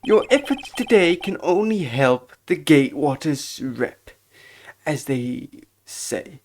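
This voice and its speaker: A woman's voice: low-pitched, lively intonation, slow, background noise, heavily acted. A woman voicing a fawning young male hotel bellboy who talks in an obsequious, overly polite way. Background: game music.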